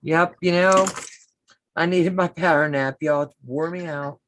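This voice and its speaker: A woman co-hosting a casual sewing chat, unhurried and joking dryly. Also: sits low, steady tone, fairly bright tone, a little hiss or hum. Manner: unhurried, dry quips, laughs along. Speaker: co-host.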